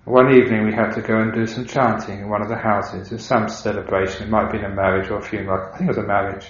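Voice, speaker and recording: An Englishman who is a Buddhist monk, giving a dharma talk in an unhurried, reflective storytelling way with gentle humor. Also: lowish voice, flat delivery, a little hiss or hum. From England. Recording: dull, roomy recording.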